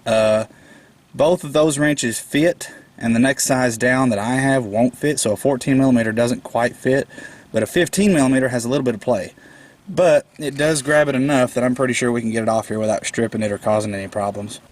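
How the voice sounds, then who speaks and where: Here the DIY car presenter, slightly congested from a head cold, speaks a little fast in a mid-range voice with fairly even intonation. He guides viewers through a car repair one step at a time in a casual, patient, plainspoken manner, filling pauses often.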